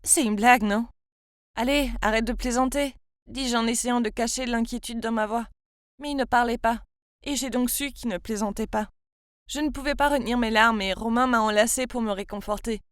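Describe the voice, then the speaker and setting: Higher-pitched woman narrating a story. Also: fairly even intonation, a little fast, clear, resonant tone, no echo, studio quality. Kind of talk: first-person scripted story narration.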